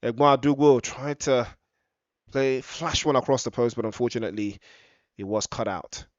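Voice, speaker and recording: Man commentating football, drawn-out excited goal shouts. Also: mid-range voice, no echo, muffled recording. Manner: drawn-out excited shouts on goals and big chances. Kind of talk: live match commentary.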